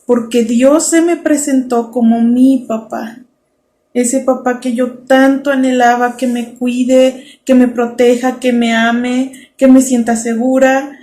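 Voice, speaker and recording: A Mexican woman in her thirties shares a faith testimony in an earnest storytelling manner, acting out her own past words. Her voice sits high. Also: flat delivery, takes it slowly, warm tone. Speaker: speaker sharing a testimony.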